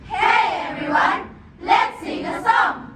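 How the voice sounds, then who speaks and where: A woman's voice: very high-pitched, animated, slow, a loud crowd. Young female students performing choral speaking, reciting in a theatrical, emphatic sing-song chant. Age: school-age young performers. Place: large echoing competition hall, distant mic. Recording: echoey noisy hall from far off.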